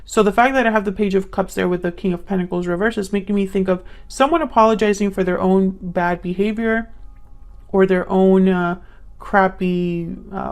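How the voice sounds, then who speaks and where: Brief: young female tarot reader, casual and musing, some vocal fry. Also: medium pitch. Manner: musing, thinks aloud while pulling cards.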